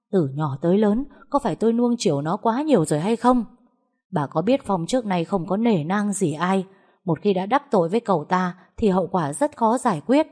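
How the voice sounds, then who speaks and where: A woman's voice: mid-range voice, close to an everyday voice. A woman playing a furious domineering old father. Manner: shouting, scolding.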